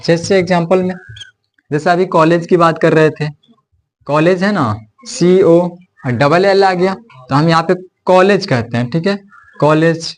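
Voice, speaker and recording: Man, somewhat high voice, unhurried, English phonics teacher, repeats and checks in. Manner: slow, repeats sounds and checks with "ठीक है". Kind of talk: blackboard phonics lesson.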